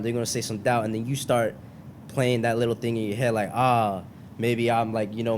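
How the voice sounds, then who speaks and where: A young man hosts a podcast in a loose frat-bro style, leaning on bro and man. His voice sits at an average pitch, and a clear low rumble runs behind his casual talk. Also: darkish tone. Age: young adult. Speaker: podcast host.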